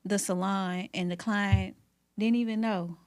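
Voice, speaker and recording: Woman hairstylist guest, mid-pitched, emphatic and candid, preaching her story. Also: steady tone, measured pace, darkish tone. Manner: emphatic, faith-filled storytelling. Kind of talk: candid conversation.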